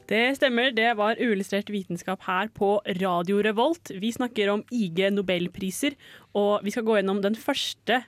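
A woman's voice: medium pitch, faint music behind. A woman hosting a casual radio chat in a studio, chatty and laughing along as she leads the segments. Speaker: radio host.

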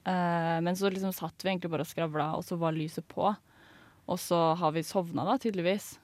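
A woman's voice: fairly low pitch, steady tone, darkish tone, dry recording. Chatty young woman telling a story. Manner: chatty, laughing, mixes in English phrases. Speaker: radio show co-host. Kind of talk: casual chat and storytelling. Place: radio studio.

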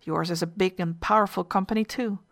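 A woman's voice: on the low side, fairly even intonation, fairly quick, gravelly, dry recording, studio quality. A woman voicing the cold, relentless ghost of a dead male passenger, speaking in an icy, insistent and mocking way.

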